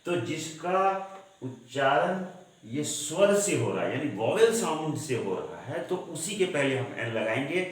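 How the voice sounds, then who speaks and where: A man gives a classroom-style grammar lesson at an unhurried, deliberate pace, posing questions to the class and answering them himself. His voice sits in a middle register. The recording is very echoey, as if made in a bare room. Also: medium pitch. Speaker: English grammar teacher.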